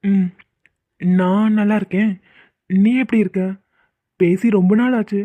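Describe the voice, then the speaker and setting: A woman voicing an exasperated young husband in an animated comedy, teasing and pleading with his wife. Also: medium pitch, unhurried, dry recording, natural voice. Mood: coaxing. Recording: tinny phone-like sound.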